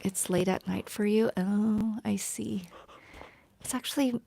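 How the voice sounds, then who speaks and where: A woman chatting casually on her live stream, tired and rambling, often dropping to a soft whisper as she talks to viewers. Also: medium pitch, steady tone, a little slow, gravelly.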